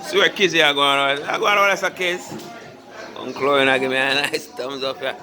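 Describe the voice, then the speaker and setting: A man's voice: mid-range voice, fairly even intonation, normal speed. A man bantering in patois while filming a family dinner. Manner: joking, laid-back patois banter. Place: family home at a holiday dinner. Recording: music and crowd chatter clearly behind.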